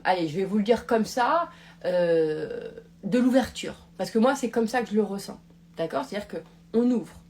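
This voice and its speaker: A woman's voice: fairly high pitch, a little mellow. A woman hosting a live talk, rambling with many restarts and checking in with "d'accord?". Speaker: podcast host. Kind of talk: casual live-stream talk.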